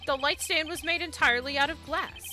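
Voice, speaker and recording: A woman's voice: high-pitched, a little fast, music in the background, voice pushed up, lightly acted. A woman voicing a smug, theatrical man on the witness stand in a video game, with pompous, flowery speech. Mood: preening. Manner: pompous, affected.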